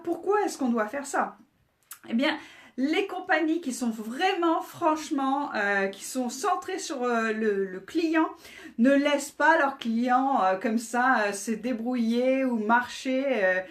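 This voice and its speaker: A woman with a French accent hosting a casual business talk, chatty, with many hesitations and restarts. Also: sits high. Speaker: host.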